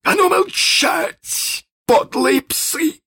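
A man voicing a menacing, snarling pirate captain in an audiobook, barking drawn-out threats. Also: high voice, huge pitch swings, pushed and bright, husky, voice pushed up, full character voice. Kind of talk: audiobook character voice.

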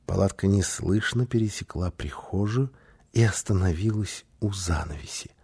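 A man's voice: sits low, normal speed, creaky, dark tone, slightly rough. A man reading a children's story aloud, dramatic, sometimes dropping to a near whisper for suspense. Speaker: audiobook narrator. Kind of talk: expressive storybook narration.

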